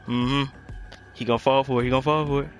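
A young man streaming a video game, commenting casually in an animated, joking, profane way. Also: mid-range voice.

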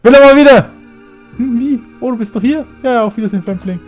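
A fretful, haughty noblewoman, put on by a man in a shrill falsetto. She speaks far above his normal pitch, looking down on a stranger. Faint game music plays behind her. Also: fast.

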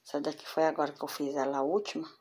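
A woman's voice: low-pitched, level tone, rapid-fire, a little mellow. A woman vlogging from home, chatting casually as she shows and prices her crochet work and talks straight to her viewers. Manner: chatty, addresses viewers as girls. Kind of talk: casual show-and-tell. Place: home room with door closed.

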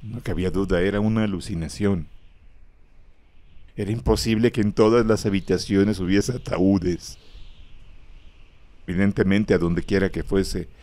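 A man narrating a horror story in a grave, measured way, close to the microphone. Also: low voice, fairly even intonation, mellow, no echo.

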